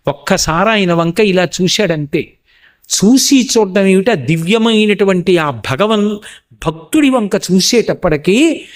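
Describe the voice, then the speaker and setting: A man giving a devotional sermon, slowly chanting Sanskrit verses and explaining them earnestly through a story. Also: high-pitched. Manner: earnest, emphatic preaching. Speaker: religious discourse speaker.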